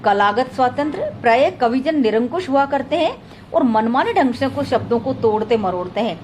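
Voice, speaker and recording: A woman teaching a lesson in a steady, explanatory lecture style, slowing down to spell out word examples. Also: high-pitched, slight background noise. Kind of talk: lecture read from notes.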